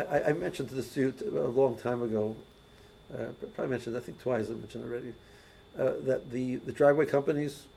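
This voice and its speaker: A man's voice: medium pitch, darkish tone, slight background noise, rough recording. A man giving a casual religious lesson, telling anecdotes with many restarts and repeated words. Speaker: religious teacher. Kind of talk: casual teaching talk with anecdotes.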